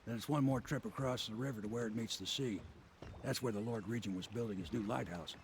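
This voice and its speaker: An actor playing a gruff, loyal, weary old sailor in a video game, plain-spoken and earnest like an old fisherman. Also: lowish voice, fast talker, natural voice. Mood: grave, informative. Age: older. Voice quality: gravelly. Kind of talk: video game character dialogue. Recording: loud waterside noise behind. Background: water and boat ambience.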